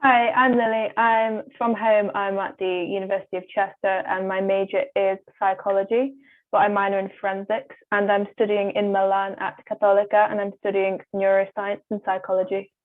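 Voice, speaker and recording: A woman in her twenties, a student panelist on a video call, briskly listing her studies. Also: mid-range voice, level tone. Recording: tinny phone-like video call audio.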